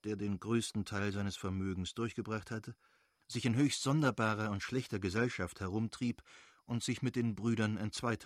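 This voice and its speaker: A man reading an audiobook as narrator in a steady, measured way. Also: on the low side, no echo, clean studio sound. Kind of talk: scripted narration.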